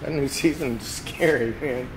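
A man's voice: medium pitch, unhurried, noisy background. A man giving a casual, joking walkthrough of auction items in a large warehouse, speaking into a handheld camera mic. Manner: chatty, joking, easily excited. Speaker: auctioneer giving a preview tour.

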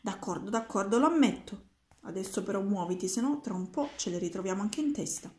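A woman reading aloud and voicing an anxious, clever young boy in a higher, exclaiming voice. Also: animated, fairly quick, a little mellow, close to an everyday voice. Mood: pleading. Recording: roomy echoing room.

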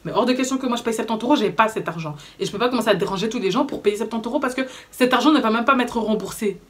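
A young woman with a Belgian French accent, telling a story to camera in casual vlog chat, animated and indignant, with slangy fillers. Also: fairly high pitch, rapid-fire. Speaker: vlogger.

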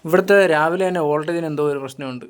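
A man's voice: a little high, racing. A man talking casually in a family vlog, commenting on what he sees around the house. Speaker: family vlogger. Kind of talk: casual home vlog chat.

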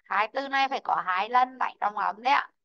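A woman teaching an online English lesson, slowly modelling word stress and calling out students who answered right. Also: fairly high pitch, gravelly, sharp tone, dull audio. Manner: slow, drawn-out model pronunciations of English words; calls out student names and marks answers right.

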